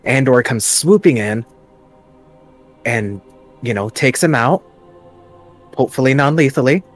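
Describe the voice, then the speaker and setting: A man's voice: medium pitch, expressive, a little slow, faint music behind. A man playing his character in a tabletop game, coaxing and scheming in a playful way. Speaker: player.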